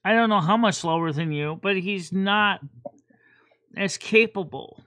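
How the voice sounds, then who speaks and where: A woman hosts a casual livestream chat in a bright, forceful voice. She rambles and often repeats words as she works through her thoughts. Her pitch sits right in the middle. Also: unhurried. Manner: rambling, repeats words while thinking aloud. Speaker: host.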